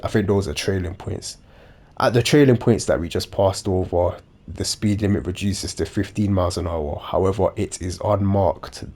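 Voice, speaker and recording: Deep, congested man narrating gameplay. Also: a little mellow. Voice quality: nasal, blocked-nose congested sound. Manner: dopey-sounding, matter-of-fact explaining. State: congested with a blocked nose. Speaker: video game commentator. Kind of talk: measured instructional gameplay commentary.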